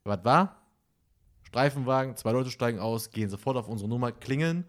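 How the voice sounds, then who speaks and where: Guy chatting on a podcast, animated, plays out the voices in his stories. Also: medium pitch, moderate pace. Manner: animated storytelling, acts out dialogue. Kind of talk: casual podcast chat.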